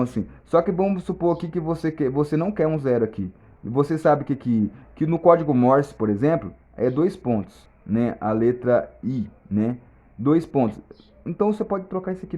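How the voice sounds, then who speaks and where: A man's voice: mid-range voice, dark tone, dull audio. A man giving a casual lesson, asking rhetorical questions and restarting his words often. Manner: talks in bursts with many restarts and repeated words. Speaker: teacher of memory techniques.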